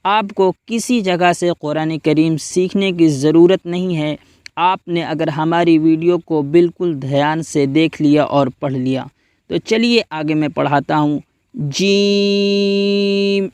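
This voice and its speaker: A man leads a step-by-step reading lesson and spells out each letter slowly so learners can repeat it. His voice is high and smooth. The recording is close and dry, with no room sound. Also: darkish tone, no room sound. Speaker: Quran reading teacher.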